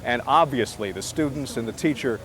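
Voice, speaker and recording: An American man anchors live breaking news outside in a residential neighborhood, speaking briskly at a medium pitch with a fairly bright tone. He uses a handheld broadcast microphone, and the live outdoor TV audio carries some noise.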